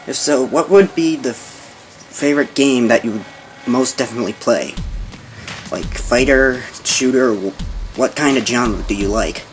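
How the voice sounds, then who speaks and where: A man's voice: mid-range voice, measured pace, soft background music. A man recording a question for a musician, hesitant and searching for words. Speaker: viewer asking a question.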